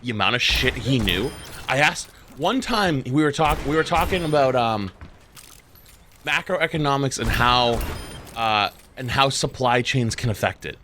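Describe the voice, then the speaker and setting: A young man chats casually over his gameplay stream and tells a long story. He swears freely and leans on fillers. He gets animated when he complains. A faint hiss and game sounds sit behind his voice. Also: medium pitch, measured pace. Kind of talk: casual chat while gaming.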